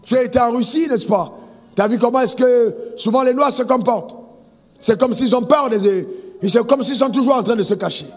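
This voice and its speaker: A man's voice: extremely high pitch, a little fast, in a large hall, faint music behind. A male pastor preaching a sermon, calling on the congregation to answer amen. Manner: preaching with call-and-response amen prompts.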